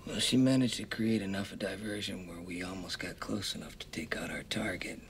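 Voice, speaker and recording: An actor playing a calm, dry-humored army commander who gives clipped orders in a hushed voice. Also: male voice, low-pitched, fairly quick, a little hiss or hum. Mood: storytelling, hushed. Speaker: commanding officer. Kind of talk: film dialogue.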